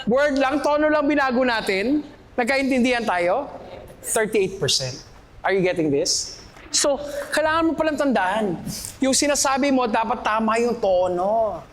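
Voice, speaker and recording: A male communication coach giving a lively seminar talk, questioning the audience and switching between Tagalog and English. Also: very high voice, moderate pace. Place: hall with a live audience. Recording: long hall reverb, faint room noise.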